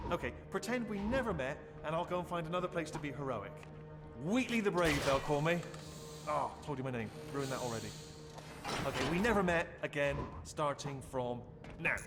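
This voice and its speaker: A man plays a chatty, flustered little game robot with a high, swooping voice. He stammers and rambles like a nervous helper, always correcting himself. Loud game music plays behind him. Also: lively intonation, moderate pace, lightly acted. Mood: sheepish, hopeful. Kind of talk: video game character acting.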